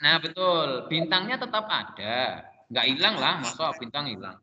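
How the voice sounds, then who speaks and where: A man teaching a Quran and Arabic class online, patiently explaining step by step and drawing out the examples slowly. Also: on the high side, big pitch swings, a crowd in the background. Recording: dull lo-fi sound with long reverb and faint noise.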